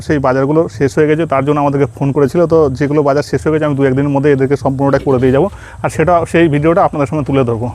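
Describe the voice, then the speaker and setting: A man talks at a rapid clip in a slightly raised voice. He runs a charity vlog and speaks earnestly and reassuringly, circling back over the same points as he appeals to his viewers. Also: fairly high pitch, a little mellow. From Malda, West Bengal. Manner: earnest, reassuring, repeats himself. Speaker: charity vlogger.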